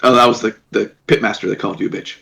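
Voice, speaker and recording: A man's voice: fairly low pitch, steady tone, vocal fry, a bit bright, poor audio. A man narrating as dungeon master, rambling and restarting his sentences. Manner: rambling, halting, many restarts. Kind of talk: narrating a tabletop game.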